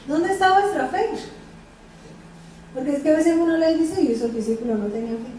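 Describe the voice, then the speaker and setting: A woman's voice: high voice, dark tone. A woman teaching a Bible study as a sermon, asking the listeners questions and repeating the verses. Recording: echoey room from far off, faint noise.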